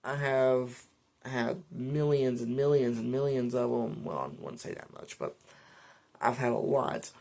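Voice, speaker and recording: Speaking at a measured pace, this weather radio channel host chats to camera about a hobby product in a loose, rambling, conversational style. He has a medium-pitched, gravelly voice with a darkish tone.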